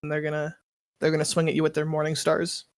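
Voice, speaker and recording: A woman acting as game master, calling out rolls and results in a brisk, matter-of-fact way. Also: low voice, completely flat delivery, noisy background. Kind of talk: narrating a tabletop game.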